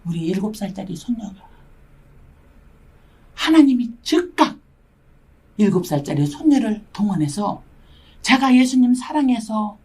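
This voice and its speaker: An older woman who is a missionary gives an emotional testimony sermon, animatedly acting out the voices of people in her story. Her voice is medium-pitched with a breathy edge, and she speaks a little slowly with long pauses.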